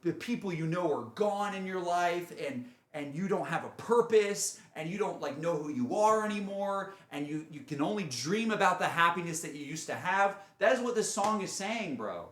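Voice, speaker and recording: A game streamer with a high, a bit bright voice chats casually on a livestream, reflecting emotionally on games. He is animated, at a moderate pace with few pauses, and earnest and emphatic, rambling and often circling back on himself.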